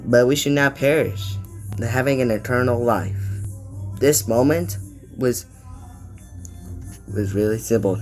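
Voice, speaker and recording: A man playing Sonic the Hedgehog, giving a halting emergency announcement full of restarts. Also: medium pitch, lightly acted. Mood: prayerful. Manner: halting, many restarts and repeated words. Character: Sonic the Hedgehog, male hedgehog hijacking an alert. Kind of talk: improvised emergency announcement and prayer. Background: loud siren music.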